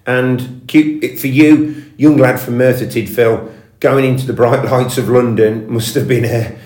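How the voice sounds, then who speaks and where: A man's voice: mid-range voice, steady tone, measured pace, a little mellow. A man hosting a podcast interview in a conversational style. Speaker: podcast host. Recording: roomy, echoey sound.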